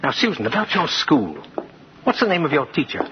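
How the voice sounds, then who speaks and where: Kindly elderly Santa, radio drama: lively, swooping intonation, courtly and genial, muffled vintage sound. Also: male voice, fairly high pitch, fairly quick. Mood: genial, assured. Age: older. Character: kindly, twinkling old man who is Santa Claus. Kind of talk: 1950s radio drama acting. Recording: dull, noisy 1950 radio recording.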